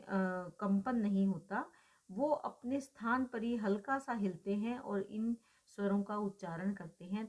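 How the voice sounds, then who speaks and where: A woman giving a lecture, who asks rhetorical questions and answers them herself and draws out vowel sounds as examples. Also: medium pitch. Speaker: teacher. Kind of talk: explanatory lecture.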